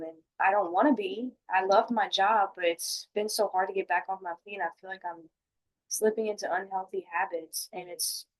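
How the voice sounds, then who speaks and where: A woman playing a dejected client who has lost job and home, confiding haltingly in a mock counseling session. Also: medium pitch, natural voice, rough recording. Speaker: client in a role play.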